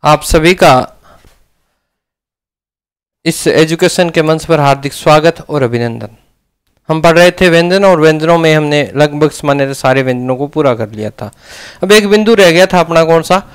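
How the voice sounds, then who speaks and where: A man's voice: fairly high pitch, moderate pace, clear, resonant tone. A man with a Rajasthani Hindi accent teaching a grammar lesson, often asking questions and answering them himself.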